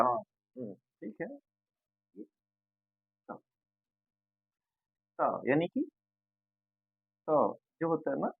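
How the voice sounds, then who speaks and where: A man teaches an English grammar lesson in a fairly high voice, repeating sounds slowly and patiently for his students. The recording is dry and narrow, like sound over a phone line. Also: no echo.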